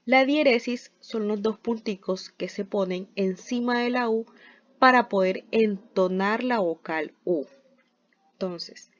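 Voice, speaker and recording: A woman teacher giving a scripted spelling lesson, explaining step by step with examples and often starting with "entonces". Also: fairly high pitch. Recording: dull lo-fi recording.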